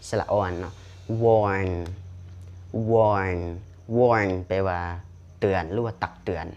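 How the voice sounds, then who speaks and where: A man with a Lao accent teaching English pronunciation, repeating each word slowly and clearly. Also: on the low side, darkish tone, highs cut off. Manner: switches to slow deliberate English at the sign-off. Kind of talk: pronunciation lesson.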